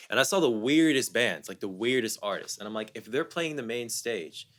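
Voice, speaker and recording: Expressive and fairly quick, this medium-pitched, fairly bright voice belongs to a young guest musician from the United States. Talking casually in an interview, he reflects aloud and repeats words frequently while thinking.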